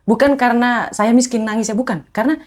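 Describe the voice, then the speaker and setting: A woman's voice: a little high, fast talker. A woman guest telling personal stories in casual talk, acting out the voices of people she quotes. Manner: animated, re-enacts quoted voices. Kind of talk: emotional personal storytelling.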